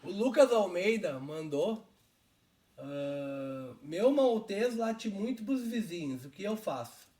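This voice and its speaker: A man with a notably high voice hosts a casual live stream, chatting and walking the audience through each step. He is from Brazil and talks in an easy, conversational way. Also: expressive, slow pace, warm tone.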